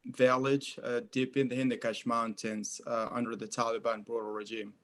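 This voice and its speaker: A man's voice: medium pitch, level tone, moderate pace, a bit bright. A young man from Eastern Afghanistan, a former interpreter, answering interview questions with frequent hesitations and fillers. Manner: hesitant, many uh fillers and repeats.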